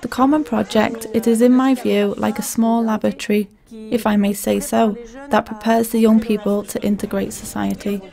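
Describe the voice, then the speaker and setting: A woman voices translated interviews for a documentary. Her reading is plain and measured. Her voice is slightly high and mellow with a gravelly texture. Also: little pitch movement. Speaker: voice-over translator.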